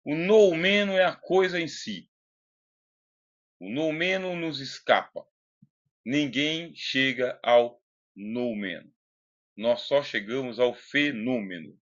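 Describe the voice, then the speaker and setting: A man's voice: mid-range voice, lively intonation, slow, pauses often. A man with a Brazilian accent giving an informal philosophy lecture in a conversational, didactic way, putting questions to the listener, close to the microphone. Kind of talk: informal recorded lecture with read-aloud passages. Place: closed room indoors. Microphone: close Bluetooth microphone. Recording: slightly dull, lo-fi computer audio.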